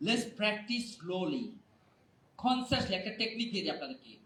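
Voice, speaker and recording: High, bright workshop trainer. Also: male voice, measured pace. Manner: energetic, keeps quizzing the audience for replies. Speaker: public speaking trainer. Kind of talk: live motivational workshop. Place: hall with a live audience. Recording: echoey hall, mic at a distance.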